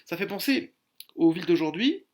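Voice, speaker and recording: A man's voice: sits high, lively intonation, moderate pace. Hesitant man musing over a painting. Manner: hesitant, many repeated words and fillers; musing, describing a painting detail by detail. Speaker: art commentator. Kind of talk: spoken art commentary.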